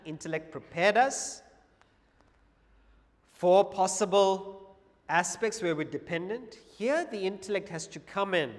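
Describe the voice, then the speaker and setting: A man giving a public talk on Vedanta philosophy to an audience, measured and paced with pauses and humorous asides. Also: sits high, long reverb tail.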